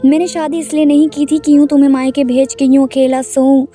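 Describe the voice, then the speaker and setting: A woman's voice: sits high, flat delivery, warm tone, faint music behind, natural voice. A woman voicing a young husband who speaks harshly and scolds, in a narrated story. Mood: angry. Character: young husband, angry and demanding.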